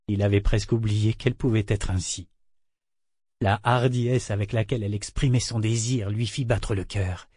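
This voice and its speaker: A man narrating an audiobook in a measured, even storytelling manner. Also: lowish voice, no room sound, studio quality.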